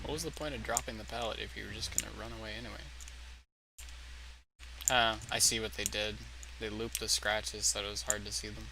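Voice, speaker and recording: A man giving casual, excitable gaming commentary, swearing and tripping over his words. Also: lowish voice, brisk, gravelly, pauses often, noisy background. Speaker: gameplay commentator.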